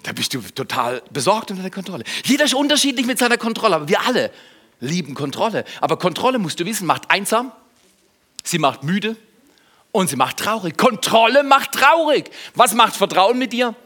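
A man from Germany preaching, telling a personal story and turning it into a sermon, speaking straight to the listener and swinging between loud outbursts and hushed lines. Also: sits high, very animated, brisk. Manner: addresses listener directly.

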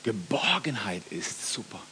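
Ein Mann mittleren Alters, der als Pastor lebhaft predigt, der Gemeinde Fragen stellt und über eigene Scherze lacht. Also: male voice, lowish voice, unhurried, slight background noise. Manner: lively preaching, asks the congregation questions, laughs at own jokes. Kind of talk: sermon.

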